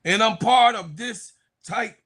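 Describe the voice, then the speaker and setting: Slow, emphatic man arguing sports. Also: sits high, a bit bright. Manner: emphatic, preachy, repeats points for effect. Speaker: podcast co-host. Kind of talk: heated sports debate.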